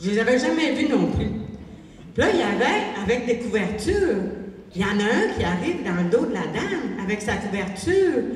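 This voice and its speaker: An older woman from Quebec with a Québécois accent, telling a comic story on stage with animated, swooping exclaims. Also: on the high side, normal speed, a little hiss or hum. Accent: Québécois French. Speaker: amateur stand-up comic. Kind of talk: storytelling stand-up. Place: large theatre stage. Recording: echoey hall, far mic.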